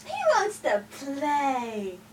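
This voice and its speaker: A woman's voice: high voice, sing-song, extremely slow, recorded from a distance, slight background noise. A woman putting on a home puppet show, playful and giggly.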